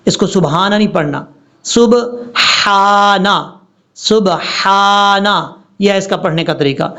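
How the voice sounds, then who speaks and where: A man teaching a recitation lesson step by step, stretching out each word slowly to show the correct pronunciation. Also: high voice, muffled recording. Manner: slow drawn-out demonstration of each word. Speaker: religious teacher.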